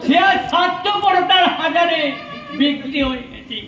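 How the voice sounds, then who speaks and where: A man's voice: very high voice, lively intonation, moderate pace, bright, forceful tone, exaggerated voice. A man acting a grieving, upright elderly father in a hammy, declamatory jatra stage style, drawing out his words. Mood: anguished, declamatory. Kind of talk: Bengali jatra folk theatre acting. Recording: echoey far-off stage recording with music.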